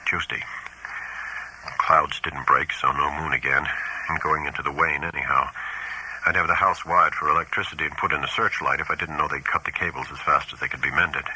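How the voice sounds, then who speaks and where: A man reading the letters of a frightened older farmer in a horror audiobook, halting and haunted. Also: extremely low pitch, fairly even intonation, sharp tone, a little hiss or hum, heavily acted, rough recording. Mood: frantic.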